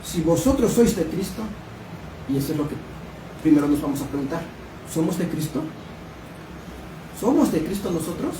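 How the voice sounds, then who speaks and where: A man's voice: fairly high pitch, very animated, moderate pace, long pauses. A man preaching in a church, reading scripture and asking the congregation questions. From Mexico. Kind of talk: Bible study sermon. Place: church hall. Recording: echoey room, distant mic, background noise.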